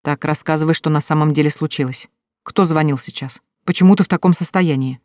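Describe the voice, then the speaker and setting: A woman voicing a male boss in an audiobook, speaking slowly, steadily and firmly. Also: deep voice, no echo, studio quality, close to an everyday voice. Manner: slow, steady, firm. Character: calm commanding male boss.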